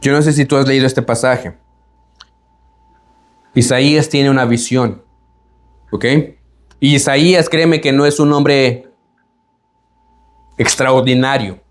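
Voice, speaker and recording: A man's voice: mid-range voice, fairly even intonation, takes it slowly, pauses often. A man preaching a sermon in an emphatic way, putting rhetorical questions to his listeners and repeating words for emphasis.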